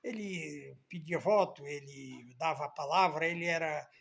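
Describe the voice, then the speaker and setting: Man, husky, slightly high voice, heartfelt personal storytelling. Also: a little slow, a bit bright. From Brazil, from Amontada in Ceará. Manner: emotional, repetitive, heartfelt recounting. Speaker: storyteller, channel host.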